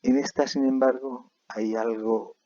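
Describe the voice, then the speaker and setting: A man teaching a recorded video lesson, explaining patiently and reading examples slowly and clearly. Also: mid-range voice, level tone, warm tone, muffled recording.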